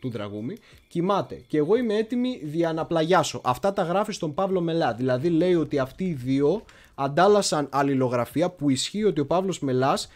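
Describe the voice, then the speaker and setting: A man hosting a casual history livestream, chatty and digressive, often stopping to search for words. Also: fairly high pitch. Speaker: history channel host.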